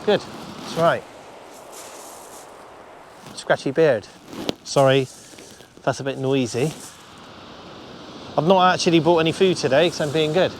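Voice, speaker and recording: A man's voice: fairly high pitch, unhurried, pauses often. A man talking casually to camera while shore fishing, muttering to himself and swearing now and then. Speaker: shore angler vlogger. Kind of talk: casual outdoor fishing vlog. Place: shingle beach by the sea, outdoors. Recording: surf noise behind.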